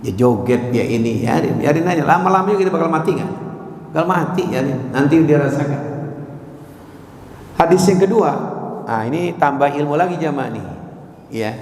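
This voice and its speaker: Animated preacher in an echoey mosque. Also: male voice, on the high side, moderate pace, long pauses. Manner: animated storytelling, switches into quoted voices. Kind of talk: sermon. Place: mosque hall. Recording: echoey hall, faint ambience.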